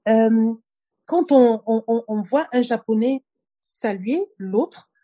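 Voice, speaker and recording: A Cameroonian-born woman speaking with a mellow, unhurried warmth. She recites in a rhythmic cadence and talks reflectively, stopping often to search for the next word. The sound is close and dry. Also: on the high side, dry recording. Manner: rhythmic recitation, then earnest and reflective with hesitations. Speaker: poet and guest. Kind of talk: poetry reading then conversation.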